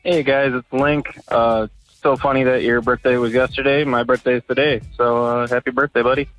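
A man's voice: medium pitch, little pitch movement, a little fast, a bit bright, soft background music. A man leaves a casual, hesitant birthday message on a voicemail over a landline phone. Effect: voicemail heard over a landline phone. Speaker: caller. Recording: dull phone-line voicemail.

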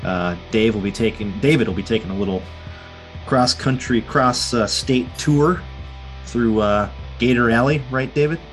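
A man's voice: medium pitch, moderate pace, faint music behind. An American man hosting a casual sports fan podcast, chatting informally. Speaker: podcast host.

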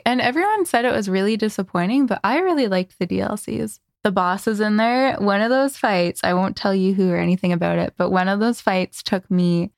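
A woman hosting a podcast in casual chat, animated and quick to laugh, acting out quotes. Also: mid-range voice, vocal fry, no room sound, clean studio sound. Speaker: podcast host.

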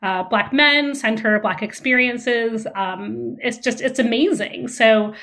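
Woman guest from austria, high bright voice, lively and laughy. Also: takes it slowly. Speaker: guest, music scholar. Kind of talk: casual podcast interview.

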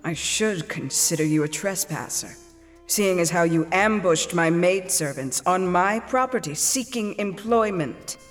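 A haughty queen speaks in a low, commanding voice. She is imperious and brusque in this podcast audio drama, heard with a long reverb. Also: expressive, a little slow, soft background music. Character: haughty mortal queen, brusque yet soft-hearted.

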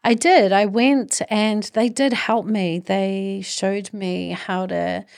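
A woman's voice: medium pitch, fairly even intonation, slow pace, vocal fry, darkish tone. A middle-aged woman with a New Zealand accent hosting a podcast, telling a personal story in an earnest, reflective way with emphatic phrasing. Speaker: podcast host.

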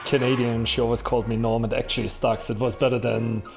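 A German-accented marketing executive talks frankly on a podcast, telling career stories in a casual interview and laughing often. His mid-range voice has little pitch movement and some vocal fry, and he talks fast. Faint music plays behind him.

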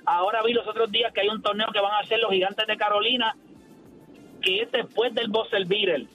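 A man's voice: high voice, steady tone, a little fast, bright, forceful tone, dull audio, soft background music. A man with a Puerto Rican accent hosting a sports talk radio show, emphatic and opinionated, addressing listeners directly.

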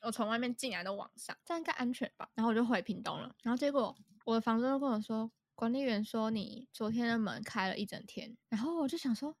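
A woman, co-hosting a podcast and telling stories in a relaxed, matter-of-fact way. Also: fairly high pitch, quick pace, hardly any pauses, dry recording, clean studio sound. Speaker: podcast co-host. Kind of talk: casual chat.

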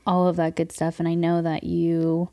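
Low gravelly young woman hosting. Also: completely flat delivery, normal speed, mellow, no echo, studio quality. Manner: chatty, laughs often, many fillers and restarts. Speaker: podcast host. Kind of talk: casual interview chat.

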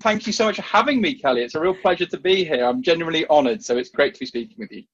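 Husky-voiced man, English Midlands accent. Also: a little high, animated, racing, a bit bright, dull audio. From England. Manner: polite, earnest, with small restarts. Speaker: podcast guest. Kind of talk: conversational interview.

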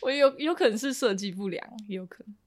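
A woman, a guest on a chat podcast, rushes through her story in a slightly raised voice. She laughs easily and slips into little acted-out quotes of the people in it. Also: fairly high pitch. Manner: animated, laughs often, acts out quoted lines. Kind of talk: casual storytelling.

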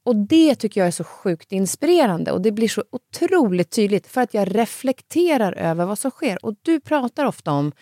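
A woman hosting a conversation, telling personal stories in a lively, chatty way. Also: mid-range voice, hardly any pauses, dry recording, studio quality. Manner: lively storyteller, animated when quoting others. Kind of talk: casual conversation.

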